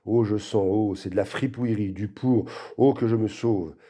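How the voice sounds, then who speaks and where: A man giving an expressive literary reading aloud and acting out the quoted lines. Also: lowish voice, moderate pace. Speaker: reader.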